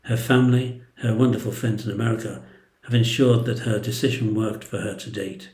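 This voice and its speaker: An older man with an English accent reading a prepared eulogy in a tender, solemn and measured way. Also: fairly low pitch, steady tone, a little mellow. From England. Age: older, 60s or above. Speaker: brother giving a eulogy. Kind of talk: prepared eulogy, read aloud. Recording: echoey room.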